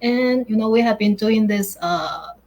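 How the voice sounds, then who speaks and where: A middle-aged Taiwanese woman hosts a live online chat on a video call, chatty and hesitant, her speech packed with fillers like "uh" and "you know." Her voice is slightly high and a bit mellow, her pace measured, and the recording is rough.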